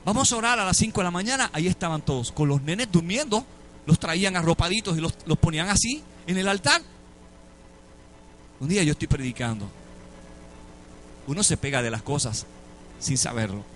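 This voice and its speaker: A man's voice: on the high side, animated, brisk, long pauses, fairly bright tone, a little hiss or hum. A Puerto Rican man preaching a sermon, telling a story and acting out the dialogue with dramatic shifts between voices. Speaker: pastor. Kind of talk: sermon testimony.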